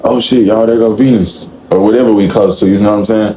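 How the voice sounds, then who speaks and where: Young guy with a real low, mellow voice, blunt and swearing, echoey room. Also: quick pace. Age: 20s. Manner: blunt, profane, animated. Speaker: guest. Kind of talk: casual chat. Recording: echoey room, faint room noise.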